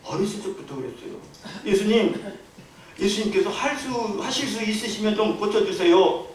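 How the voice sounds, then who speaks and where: A man's voice: high-pitched, expressive, moderate pace, a little hiss or hum. A pastor voicing a desperate pleading father. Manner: begging, faltering. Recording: very echoey church hall, distant mic.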